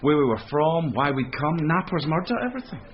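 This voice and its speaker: A long-suffering British detective sergeant from a radio mystery. He is courteous and deferential, slightly hesitant, with a lively swing in pitch. The sound is dull, with some noise behind him. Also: brisk. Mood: puzzled, suspicious. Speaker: actor. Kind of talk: radio drama acting and first-person narration. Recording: dull, noisy radio-drama recording.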